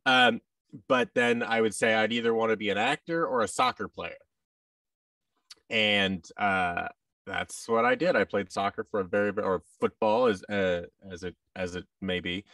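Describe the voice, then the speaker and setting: A fairly low, pushed, bright male voice moves at a normal speed in a dry, studio-quality recording taken at a distance. He's an American actor and audio drama producer in his thirties, casually rambling and self-deprecating as an interview guest. The setting is a large indoor office, with a boom-arm microphone, headset, and video call.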